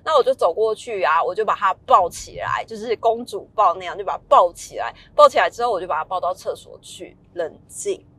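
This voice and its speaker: A woman's voice: mid-range voice, very animated, a little fast, hardly any pauses, fairly bright tone, slightly rough, dry recording. A woman, chatting casually as a parenting vlogger and telling a story emphatically, speaking straight to the listener.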